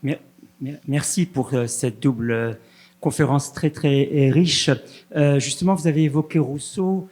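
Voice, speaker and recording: Man, audience question, hesitant, polite, many pauses. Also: fairly high pitch, darkish tone. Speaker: audience member asking a question. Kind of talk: halting question from the floor.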